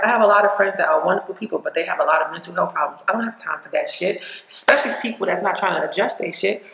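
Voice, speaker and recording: A woman vlogger speaks bluntly and rambles through a casual opinion rant full of cursing. Her voice has a gravelly, creaky edge. The recording sounds roomy and echoey. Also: fairly low pitch, a bit bright, slight background noise.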